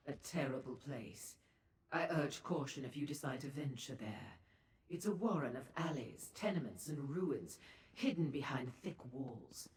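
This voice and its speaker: With slight background noise under heavy hall-like echo, a low female voice voices a seductive Daedra merchant who trades in information, sounding knowing and condescending. Her game dialogue is theatrical and coy, a languid purr wrapped in ornate formal phrasing, worldly and superior.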